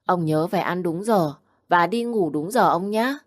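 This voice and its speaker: A woman voicing a small, affectionate little boy who talks politely in a high, chirpy voice. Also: normal speed, no echo, clean studio sound, close to an everyday voice. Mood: sweet, curious. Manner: chirpy and polite, tearful when upset.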